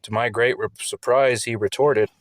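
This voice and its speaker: A man's voice: medium pitch, steady tone, normal speed, no echo. Man narrating an earnest audio story. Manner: earnest, reflective first-person telling.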